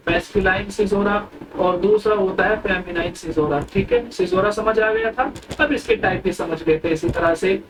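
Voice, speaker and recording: A teacher giving an explanatory lecture on poetry terms, who often checks in with the class and slows down to read English lines aloud. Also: mid-range voice. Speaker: literature teacher. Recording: distant mic with background noise.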